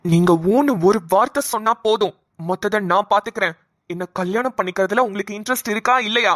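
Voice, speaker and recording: A woman's voice: medium pitch, a bit bright, dry recording, clean studio sound, natural voice. A woman voicing a young male doctor in a cartoon, pushy and demanding as he presses his girlfriend for an answer. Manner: pushy, demanding, rapid questioning. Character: young man, insistent doctor pressing for marriage. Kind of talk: cartoon voice acting.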